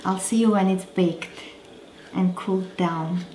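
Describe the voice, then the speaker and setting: A woman in her thirties with an Armenian accent, hosting a casual cooking demonstration in chatty, self-correcting, halting English. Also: on the low side, steady tone, background noise. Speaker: cooking show host. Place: roomy home kitchen, indoors. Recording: echoey kitchen with background music.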